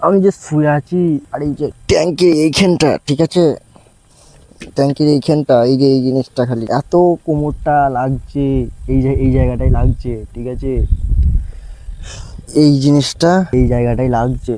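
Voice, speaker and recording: A young guy talks casually to camera at night, stretched out on a parked motorbike, filming on a phone held close and addressing viewers as guys. His mid-range voice is steady and dark, moderately paced with many pauses, and there's slight hiss or hum.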